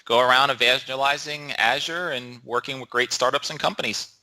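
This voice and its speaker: A man's voice: medium pitch, steady tone, a little fast, bright, forceful tone, low-quality recording. A man as a guest on a tech show, easygoing and agreeable, chatting casually. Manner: easygoing, brief agreeable replies. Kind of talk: casual interview chat.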